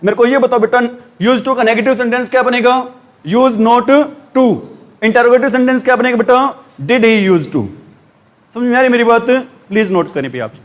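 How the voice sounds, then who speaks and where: A high-pitched man with a Hindi accent runs a classroom grammar lesson. He asks the same question again and again and answers it himself. He calls the students "beta". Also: moderate pace. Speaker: English teacher.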